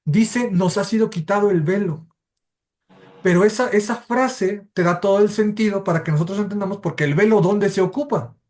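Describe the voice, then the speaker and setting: A man's voice: high voice, moderate pace, darkish tone. A man with a Mexican Spanish accent teaching a church Bible study class, explaining step by step and correcting himself as he goes. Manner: explanatory, methodical, self-correcting.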